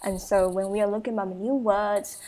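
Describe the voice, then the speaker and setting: A podcast host from Taiwan speaks with a Taiwanese accent in relaxed, conversational English. She talks hesitantly, often restarting her questions and leaning on fillers as she feels her way through them. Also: medium pitch, normal speed. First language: Taiwanese Mandarin. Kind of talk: casual interview chat.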